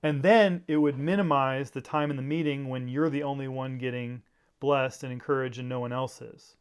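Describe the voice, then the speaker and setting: A man's voice: medium pitch, fairly even intonation, moderate pace, clear, resonant tone. A man teaching a Bible seminar in a conversational way, with frequent fillers and restarts.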